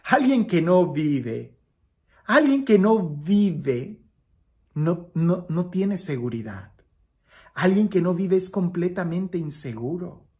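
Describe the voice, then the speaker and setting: Expressive priest preaching a homily. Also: male voice, high voice, takes it slowly. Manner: expressive, swings from lively raised passages to soft hushed ones; repeats phrases for emphasis. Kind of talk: daily gospel homily.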